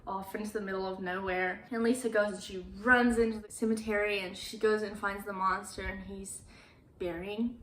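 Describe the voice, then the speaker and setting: A woman's voice: mid-range voice, steady tone, normal speed, fairly bright tone, slight background noise. A young adult woman recapping a movie in a casual, chatty way, with lots of "like" fillers. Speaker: YouTuber. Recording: roomy echo.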